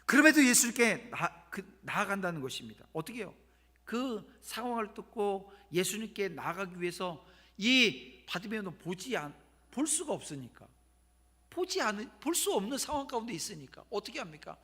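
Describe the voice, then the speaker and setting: A man's voice: sits high, big pitch swings, normal speed, pushed and bright, slightly rough. A man preaching a sermon as pastor, emphatic and asking the congregation rhetorical questions. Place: church sanctuary. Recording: long church hall reverb.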